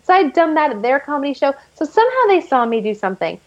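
A woman's voice: high-pitched, very animated, fast, muffled recording. A woman chatting as an interview guest, telling stories with lots of "like" fillers. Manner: chatty storyteller, many "like" fillers. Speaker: guest actress. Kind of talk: casual interview chat.

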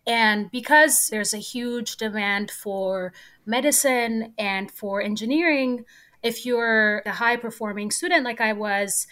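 A woman's voice: fairly high pitch, unhurried, pushed and bright. A young woman from Ethiopia, a computer scientist, talking animatedly and laughing often in an interview. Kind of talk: casual interview talk.

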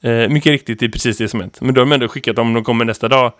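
A man in his thirties co-hosts a casual podcast. He tells a long, rambling anecdote with plenty of fillers and asides. His voice sits at an ordinary middle pitch and sounds close and dry, with no room echo. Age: 30s. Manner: lively rambling storyteller, many fillers. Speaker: podcast co-host and teacher.

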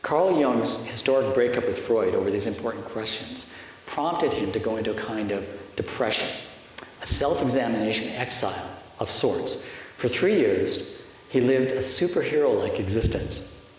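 A man giving a measured, explanatory lecture-style narration. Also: on the low side, expressive. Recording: echoey hall with faint hiss.

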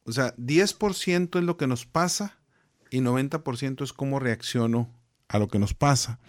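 Man telling lively stories. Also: medium pitch, moderate pace. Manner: animated storyteller, acting out the people in his anecdotes. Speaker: guest speaker on personal growth. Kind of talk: conversational storytelling.

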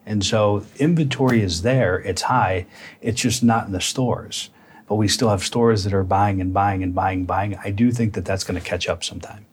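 A man's voice: on the low side, moderate pace, husky. A man speaking as a guest commentator, conversational and informal, with rhetorical tags.

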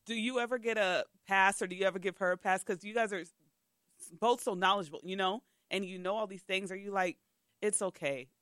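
A man's voice: sits high, steady tone, fast talker, pushed and bright, smooth, no room sound, studio quality. A man hosting a casual podcast chat, an easygoing interviewer.

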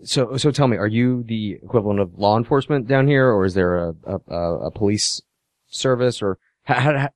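Man player, low voice, earnest questions, dry mic. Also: a little fast, dry recording. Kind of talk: tabletop game play.

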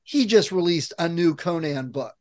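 Brief: man, high-pitched, podcast co-host, agreeable casual chat. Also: animated, moderate pace. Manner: easygoing, agreeable, short affirmations.

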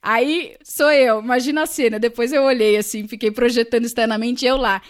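Brief: woman, slightly high voice, lively dramatic storyteller, casual podcast chat. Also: a little fast. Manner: animated, dramatic, quotes people in voices. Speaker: guest.

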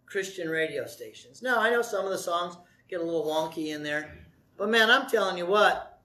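A man preaching a sermon as pastor, folksy and animated, with asides and jokes to the congregation. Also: a little high.

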